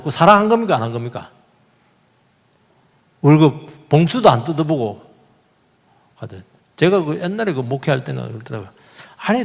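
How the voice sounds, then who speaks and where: A male pastor preaching a sermon in a church, animated, repeating key words and putting questions to the congregation. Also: mid-range voice, creaky, breathy edge, long reverb tail. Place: church sanctuary.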